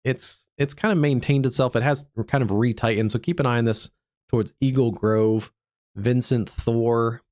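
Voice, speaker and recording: A man's voice: medium pitch, a little mellow, dry recording, clean studio sound. Stuffed-up man calling live storm radar. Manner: thinking aloud, easygoing, halting with fillers. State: stuffed up from allergies. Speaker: digital meteorologist, livestream host. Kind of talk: live severe weather stream commentary.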